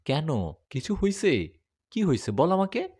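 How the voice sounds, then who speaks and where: A coaxing teenage schoolgirl in an audio love story, her voice pitched up high and swinging from pleading whines to playful scolding, as a male narrator puts her on. She wheedles and teases her best friend in a singsong, lively way. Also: unhurried, husky, full character voice. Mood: startled, worried.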